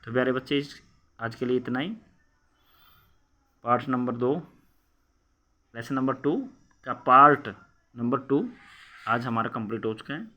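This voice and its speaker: A man's voice: medium pitch, a little slow, pauses often, sharp tone. Man explaining a story lesson to children. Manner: reads a line, then re-explains it in simple words with many fillers. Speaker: teacher.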